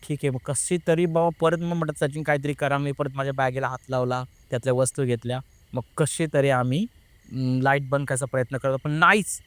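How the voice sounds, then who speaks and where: A man telling a frightening personal story as an interview guest, animated and often restarting his sentences. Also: on the high side, no echo. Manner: animated, rushes and restarts when retelling fright. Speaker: guest recounting a paranormal experience. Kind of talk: conversational storytelling.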